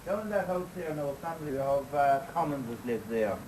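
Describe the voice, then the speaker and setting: An older man from Ireland recalling local history, speaking slowly and haltingly with many pauses. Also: on the high side, animated, echoey room, noisy background. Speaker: local interviewee.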